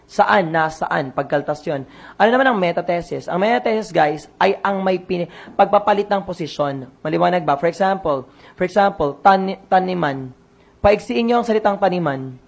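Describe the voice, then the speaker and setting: In an online exam review, a coach with a gravelly, fry-edged voice at a middle pitch quizzes listeners and repeats every answer. The delivery is animated and moves at a moderate pace.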